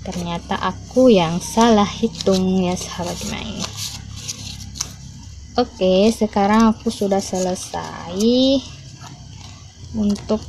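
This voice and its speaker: A woman's voice: medium pitch, slow pace, vocal fry, long pauses, a little mellow, a little hiss or hum. A woman vlogging in a casual, chatty way, counting bills aloud and talking to her viewers, a little out of breath. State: a bit out of breath. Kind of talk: casual money-counting vlog.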